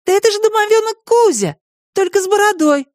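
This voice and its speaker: A woman voicing an excited young girl in an audiobook, eager and pleading. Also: high-pitched, moderate pace, no echo, studio quality. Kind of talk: audiobook character voice.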